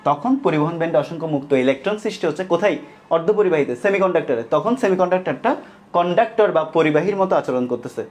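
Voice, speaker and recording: Slow, repetitive man teaching online. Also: on the high side, lively intonation, a little mellow. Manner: slow dictation, repeating lines and asking then answering his own questions. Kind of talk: online class lecture.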